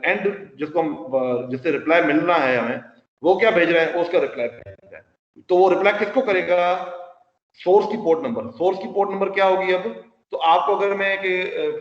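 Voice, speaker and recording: A man delivers a classroom lecture, walking through each step by asking questions and answering them himself. The recording sounds dull and lo-fi, with a long echo from a large hall. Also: high voice. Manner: explains step by step with rhetorical questions; mixes English technical terms into his speech.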